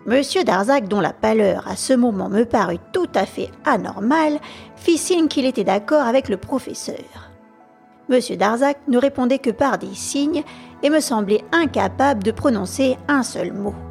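A woman narrating a classic detective story in a steady, measured way for a podcast. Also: on the high side, vocal fry, soft background music. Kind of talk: audiobook narration.

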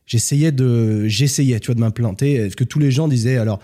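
Young French man chatting, mellow voice. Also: medium pitch, normal speed. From France. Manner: relaxed, talkative, switches between French and English. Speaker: podcast host. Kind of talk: casual podcast chat.

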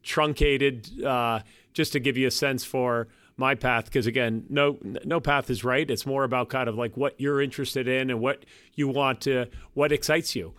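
Male podcast guest in his 50s, self-deprecating, halting, dry sound. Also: medium pitch, fairly even intonation, fairly bright tone, clear, resonant tone, no room sound. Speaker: guest, private equity partner. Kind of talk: casual podcast interview.

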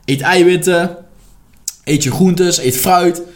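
A man's voice: sits high, takes it slowly. A man who works as a life coach, giving a direct, emphatic motivational podcast monologue and now and then swearing bluntly.

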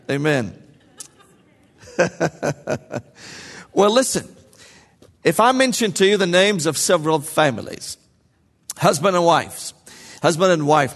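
A man's voice: high-pitched, in a large hall. A man preaching a sermon, joking and calling out to the congregation. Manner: lively, joking, calls to the congregation. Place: large church sanctuary.

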